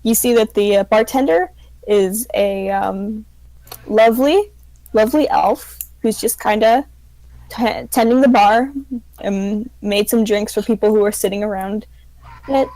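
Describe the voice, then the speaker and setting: A woman game master improvising casual tabletop narration in an informal, halting way. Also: mid-range voice, warm tone, no echo, poor audio.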